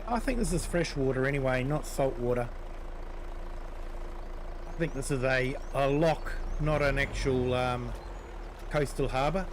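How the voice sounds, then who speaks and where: A man's voice: mid-range voice, a little slow, pauses often, noisy background. A man with a New Zealand accent giving casual, chatty commentary on a video game livestream. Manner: chatty, informal colloquial talk. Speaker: livestream gamer host.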